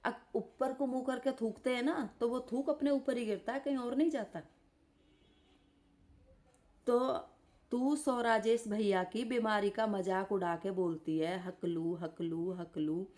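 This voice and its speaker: Woman live streamer, lies in bed and hurls scolding insults in a roast rant; dark, even tone. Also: a little high, a little slow. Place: lying in bed.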